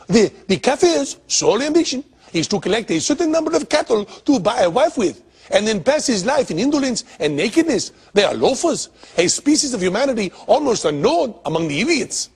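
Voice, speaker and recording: A man's voice: extremely high pitch, big pitch swings, a little fast, a little mellow, breathy edge, voice pushed up, full character voice. A man putting on an exaggerated mock Indian accent to read out a stern old moralist's words. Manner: exaggerated, sneering put-on delivery.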